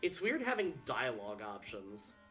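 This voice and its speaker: A man's voice: mid-range voice, wildly swooping pitch, normal speed, a bit bright, soft background music. Chatty man streaming a game. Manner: chatty, joking with chat, reading messages aloud. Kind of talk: casual live gameplay chat.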